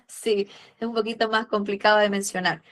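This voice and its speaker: A woman's voice: medium pitch, fairly even intonation. Patient woman teaching history. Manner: patient, fills pauses with "eh" and "a ver", uses diminutives. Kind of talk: classroom lesson, questioning students.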